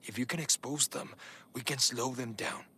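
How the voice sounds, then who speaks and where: An actor playing an earnest, stubborn young male hacker activist in a video game, talking casually and urgently in a husky, breathy voice. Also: medium pitch, fairly even intonation, moderate pace, pushed and bright, slight background noise. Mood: urgent, determined.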